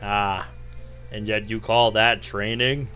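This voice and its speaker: A man reading aloud the lines of a sharp-tongued, cocky young man from a visual novel. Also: fairly low pitch, flat delivery, slow pace, clear, resonant tone, faint music behind. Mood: scornful.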